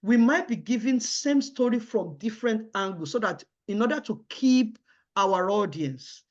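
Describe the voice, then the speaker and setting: A woman's voice: on the high side, animated, a little slow. A woman giving formal job interview answers in a hesitant way, repeating and restarting her words. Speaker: job candidate in a mock interview. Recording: dull, lo-fi audio.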